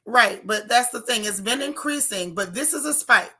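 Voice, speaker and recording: Bright, raspy, wheezy-voiced woman streamer. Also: a little high, lively intonation, normal speed. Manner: emphatic, preachy, repeats phrases for stress. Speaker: livestream host giving news updates. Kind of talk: casual livestream talk, answering viewer comments.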